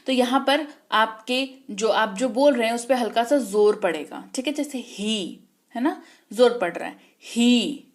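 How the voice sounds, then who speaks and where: A woman teaching an English lesson, spelling words letter by letter, then quizzing the listener with quick questions and repeating each answer. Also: high voice. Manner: repeats key points with rising question prompts. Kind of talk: online English lesson in Hindi.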